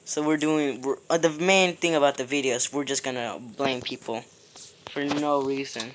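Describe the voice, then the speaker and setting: A gaming YouTuber giving excitable, exclaiming commentary over gameplay, talking straight to viewers. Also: medium pitch, normal speed, background noise.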